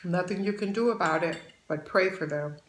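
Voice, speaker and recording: A woman's voice: on the low side, moderate pace, reverberant, a little hiss or hum. A woman in her sixties hosting her channel, chatting while she eats and giving folksy, motherly advice to viewers she calls babies. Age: 60s. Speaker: channel host. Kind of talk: casual chat while eating.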